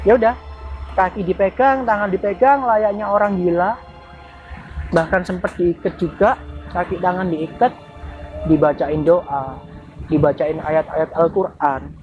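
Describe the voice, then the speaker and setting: A woman's voice: fairly low pitch, fairly even intonation, unhurried, pauses often, highs cut off, faint music behind. Chatty woman telling a story. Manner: chatty, frequent tag questions, restarts. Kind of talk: casual spoken storytelling.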